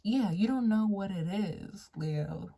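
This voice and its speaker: A woman in her late twenties giving a casual tarot reading to camera, chatty and playful, laughing often and talking straight to the viewer in a very quiet room. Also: medium pitch, slow, vocal fry. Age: late 20s. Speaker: tarot reader.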